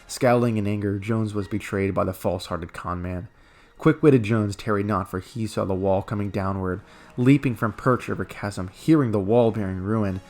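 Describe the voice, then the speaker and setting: Male narrator, lowish voice, for dramatic recitation of epic dactylic verse with a strong metrical roll. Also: moderate pace, darkish tone, soft background music. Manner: declaiming in rolling, metrical dactylic rhythm.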